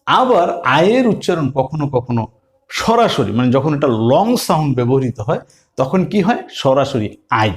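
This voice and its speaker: A man with a Bengali accent teaching English letter sounds slowly, repeating each one and putting questions to his learners. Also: fairly high pitch, very animated. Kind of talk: phonics lesson.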